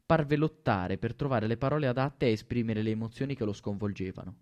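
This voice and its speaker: Guy reading a novel out loud, even narration. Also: on the low side, brisk. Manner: steady storytelling. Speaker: audiobook narrator. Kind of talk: scripted narration.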